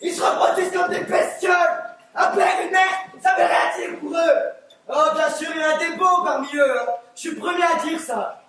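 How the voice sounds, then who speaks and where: A crude, bigoted juror who rants at everyone , acted by a teenage boy on a school stage. The voice sits very high for a man. It rings through an echoing theatre, heard from far back in the hall. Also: steady tone, moderate pace, a bit bright, a faint crowd, slight background noise. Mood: ranting. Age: teens. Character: bigoted, hot-headed male juror. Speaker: student actor. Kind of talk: amateur stage play. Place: theatre stage, live performance. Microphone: distant room mic.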